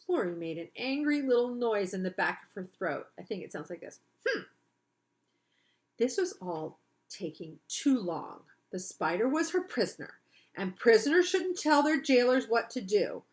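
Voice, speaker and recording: A woman's voice: mid-range voice, big pitch swings, normal speed, low-quality recording. Woman teacher reading a storybook aloud. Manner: explains to the children with chatty asides. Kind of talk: reading a children's book aloud with asides.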